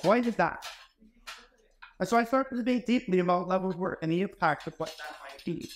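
A man's voice: high voice, normal speed, a little hiss or hum. A man in his forties giving a motivational keynote in an ornate wood-paneled hall, telling stories in an emphatic, conversational way into a handheld microphone. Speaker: keynote speaker.

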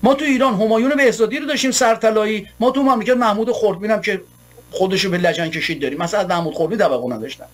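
A man from Iran hosting a show, delivering an impassioned political monologue full of repeated rhetorical lines. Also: sits high. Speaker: host.

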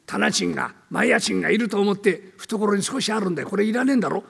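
A gravelly, high-pitched tough with a rough downtown Tokyo accent bullies and teases in a gruff, threatening manner, as an older man acts him out in comic storytelling. His voice rings out into a reverberant theater hall. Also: fast, a bit bright, exaggerated voice. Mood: brash, bullying. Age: 70s. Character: brash bullying rough male Edo tenant. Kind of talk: rakugo storytelling.

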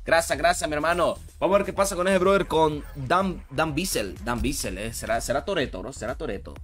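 A man's voice: a little high, lively intonation, a little fast. Hyped, slangy male game streamer. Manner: hyped, slangy, repeats shout-outs. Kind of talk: casual live-stream commentary. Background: game music.

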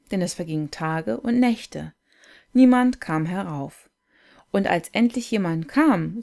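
A woman reading a fairy tale aloud in a gentle, unhurried, contemplative way. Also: medium pitch, vocal fry. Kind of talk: calm storybook reading.

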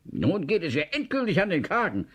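A man voicing an irate, pompous official in a storybook reading, shrill and excitable. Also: a little slow, breathy edge, exaggerated voice. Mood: gloating.

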